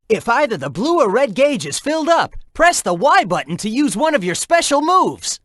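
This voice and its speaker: Young hedgehog game hero: upbeat, teasing sidekick guide, lively swooping pitch, close dry sound. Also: male voice, no room sound, full character voice. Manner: energetic, breezy, teasing. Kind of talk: video game character voice lines.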